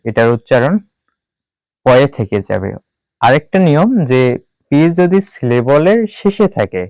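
A man teaches a classroom-style English pronunciation lesson, spelling out letters one by one and repeating each rule for emphasis. His voice is mid-range and a little mellow, on a dry, low-quality recording.

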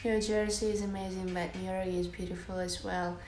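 This is a casual bedroom livestream where a young Russian-accented woman reads comments aloud, speaking slowly, softly and giggly with frequent fillers such as "like" and "uh." Her fairly low voice barely moves in pitch, the room echoes, and faint music sits behind her, captured on a phone held close as she lies on a bed.

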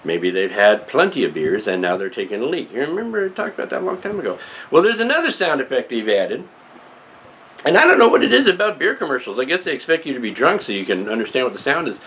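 Working on a prop, an older vlogger chats casually to camera in a rambling, wry way, fast-talking with a lively pitch. He starts in a small, cluttered indoor room and moves to a patio workshop. There's slight background noise.

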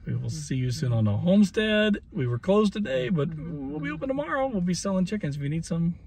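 A man in his fifties speaks in a mellow, gravelly voice and throws in dry, teasing remarks. He is recorded on a phone in a parked car, with a faint car hum under his voice. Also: a little high, very animated, a little fast. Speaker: homestead vlogger, co-host. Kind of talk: casual chat. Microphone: phone on the dashboard.

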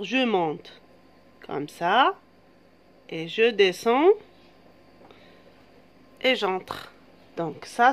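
A woman teacher giving a slow, patient phonics lesson, drawing out each syllable. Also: fairly high pitch.

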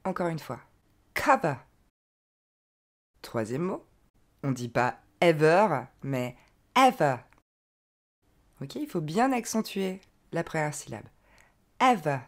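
A woman teaching pronunciation, modelling each English word slowly and clearly and repeating it, with encouraging explanations in between. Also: low-pitched, lively intonation, darkish tone. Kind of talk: pronunciation lesson.

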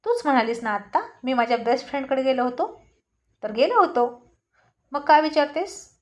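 A woman voicing a touchy young husband who fires back quick, defensive retorts with English words mixed in. The voice sits a little high, and the reading stays close to her own plain storytelling voice. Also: close to an everyday voice. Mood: angry. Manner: sharp, defensive retorts mixing English phrases.

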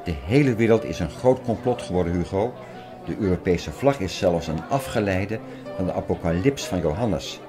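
In a Dutch audio drama, a male actor plays an obsessive, agitated conspiracy theorist earnestly and insistently lecturing about apocalyptic prophecies. His voice is low-pitched with lively intonation at a moderate pace, and music plays behind him.

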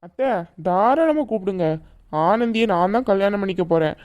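A woman's voice: medium pitch, lively intonation, moderate pace, a little mellow, close to an everyday voice. A woman voicing a determined young man in a cartoon, the groom-to-be, reassuring and confident.

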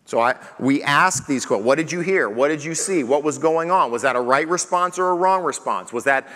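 Pastor guy preaching to parents, acts out talks w his kids, kinda high voice, big reverby hall. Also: expressive, fairly quick, pushed and bright. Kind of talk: conference talk to parents.

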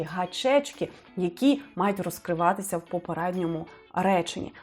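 Female Ukrainian tutor, mid-pitch, explains test logic aloud, faint music underneath. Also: a little mellow, breathy edge. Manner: explanatory, thinking aloud, frequent fillers. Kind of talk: test walkthrough lesson.

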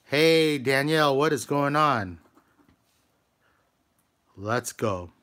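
A man's voice: medium pitch, expressive, very slow, a bit bright. A man hosting a live stream, scratching lottery tickets, greeting viewers by name and urging each ticket on. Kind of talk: casual live-stream commentary.

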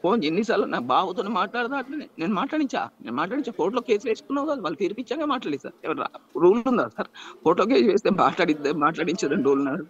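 Upset guy w talking fast, begging sir sir, kinda muffled lo-fi sound. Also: high-pitched, lively intonation, a bit bright. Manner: pleading, repeats "sir", emotional. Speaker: interviewee, estranged husband. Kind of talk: emotional news interview.

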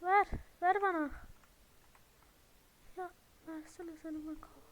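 A young woman streaming a horror game, swearing a lot, yelling in panic at the enemies and then whispering pleas not to be seen. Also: very high-pitched, steady tone, unhurried. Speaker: gaming streamer. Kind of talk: horror game let's play commentary. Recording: faint background noise.

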